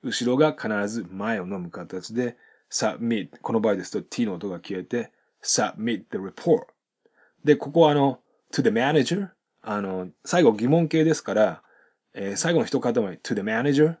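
Male pronunciation teacher with a husky voice. Patient, instructive, carefully spoken examples. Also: lowish voice, a little mellow. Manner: slow careful model sentences between quick explanations; instructive, many fillers. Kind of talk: explanatory lesson narration.

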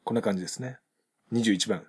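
A Japanese-speaking man teaching English pronunciation. He reads English example sentences slowly, then explains how the sounds link. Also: fairly low pitch, husky. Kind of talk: pronunciation lesson with model sentences.

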